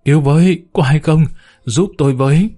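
A man's voice: medium pitch, normal speed, dark tone, husky, lightly acted. A man voicing a frightened elderly housemaid in a spoken story, pleading and panicky. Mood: screaming for help.

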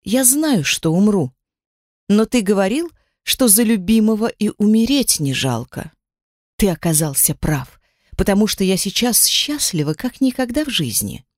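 A reader voicing a wounded, dying young woman fighter who speaks softly and haltingly, close to tears. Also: medium pitch, big pitch swings, no echo. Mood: tender.

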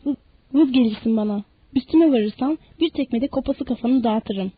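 A woman voicing a rough, mocking ranch hand with a scornful, taunting delivery, in a dull audiobook recording. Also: on the high side, normal speed.

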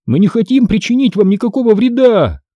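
A man's voice: high-pitched, very animated, unhurried, slightly rough, no room sound, dull audio, pitched above the performer's own voice, heavily acted. A man voicing a scared young boy who stammers and pleads urgently in an audiobook. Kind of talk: audiobook character voice.

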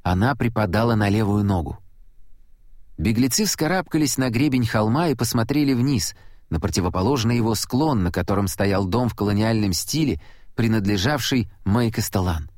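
A man reading an audiobook in first person with steady storytelling delivery. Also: lowish voice, normal speed, no room sound, studio quality. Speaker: audiobook narrator.

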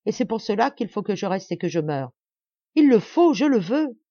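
A woman voicing a proud, desperate young woman who speaks in a high, strained, insistent way. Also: lively intonation, fast talker, dark tone, no echo, muffled recording.

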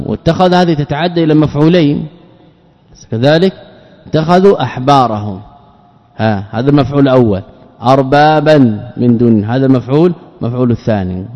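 A man's voice: medium pitch, dark tone. A man giving a religious lesson, explaining terms and grammar and putting questions to his listeners. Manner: explains words and grammar, asks the audience questions. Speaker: Islamic scholar teaching a book. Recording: dull lo-fi recording with long hall reverb.

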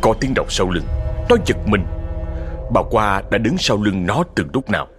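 A man tells a ghost story. His delivery is calm but very lively in its rise and fall. Faint music plays beneath him. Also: fairly low pitch, normal speed. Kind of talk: scripted ghost story narration.

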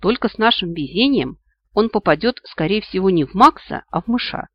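An audiobook reader narrating comic fantasy in an animated, expressive way. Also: medium pitch, fairly quick, no echo. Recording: dull lo-fi dry recording.

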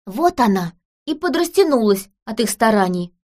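A woman reading an audiobook, voicing a calm, earnest young woman who speaks in a serious, matter-of-fact way. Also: fairly high pitch, normal speed.

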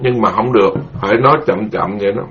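A middle-aged man, a Buddhist monk giving a dharma lecture, speaking slowly and repeating key terms for his listeners. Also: on the low side. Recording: dull lo-fi recording.

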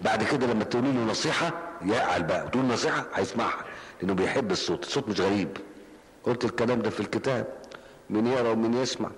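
Speaking very fast in a lowish voice, an older Egyptian preacher answers questions during a mosque lesson, telling stories colloquially and repeating phrases for emphasis. The hall leaves a long reverb tail, and the audio is poor.

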